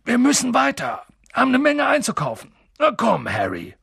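A man voicing a huge good-natured gamekeeper, low and gruff, clipping his words. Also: very animated, measured pace, a bit bright, dry recording, studio quality, full character voice. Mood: hearty.

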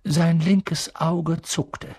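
Gravelly, theatrical male audiobook narrator. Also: fairly high pitch, drawn-out words, no room sound, studio quality. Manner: expressive, theatrical. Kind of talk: audiobook reading.

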